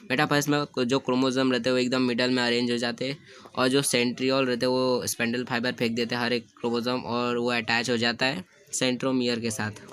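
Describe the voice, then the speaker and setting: A man at an ordinary middle pitch teaches a school science lesson in a loose, conversational way. He circles back to restate each point and often breaks off to correct himself. When he reads a textbook sentence, he slows down and takes it word by word. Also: fairly bright tone, slight background noise. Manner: keeps rephrasing and restating, with frequent self-corrections. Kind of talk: casual explanatory lesson.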